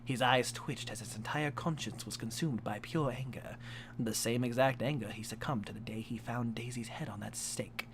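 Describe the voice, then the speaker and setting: In a low-quality recording with a little hiss or hum, a young man reads fan fiction for a live stream at home. He hams it up with swearing and laughing asides, though his mid-range voice keeps fairly even intonation at a normal speed.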